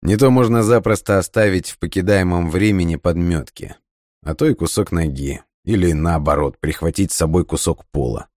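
A man with a very low, deep voice reads a first-person story aloud. His delivery is steady and measured, and the recording is close and dry with no room sound. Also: no room sound. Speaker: audiobook narrator. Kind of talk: scripted first-person narration.

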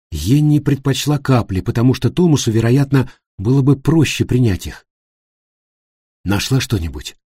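Man reading a tense story, dark voice. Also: medium pitch, slightly rough, no room sound, studio quality. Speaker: audiobook narrator. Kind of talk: scripted narration.

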